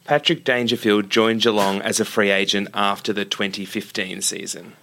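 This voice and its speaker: Sex: man. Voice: low, gravelly, bright. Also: steady tone, normal speed, a little hiss or hum. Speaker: podcast co-host running a footy quiz. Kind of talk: casual quiz chat.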